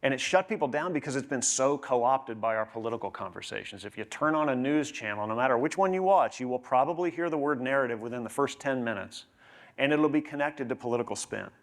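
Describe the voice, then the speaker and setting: A man presenting from a conference stage, his mid-pitched voice carrying a gravelly rasp. He talks to his audience of professionals in a conversational way and keeps checking in with quick tag questions. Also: lively intonation. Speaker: conference speaker.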